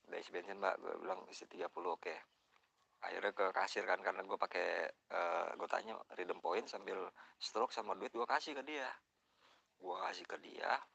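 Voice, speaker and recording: A young man with a gravelly, bright and fairly low voice recounts a personal misadventure in casual Jakarta slang. He plays every character in the scene himself and gets worked up and indignant as he tells it. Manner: animated, acts out dialogue with rising indignation. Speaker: vlogger telling a personal story. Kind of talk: casual storytelling chat.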